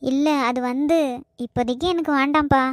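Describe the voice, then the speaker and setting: Woman voicing a sweet dutiful cartoon daughter, really high, soft and meek. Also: fairly even intonation, a little fast, no room sound, clean studio sound, lightly acted. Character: gentle, dutiful young woman, unhappy bride-to-be.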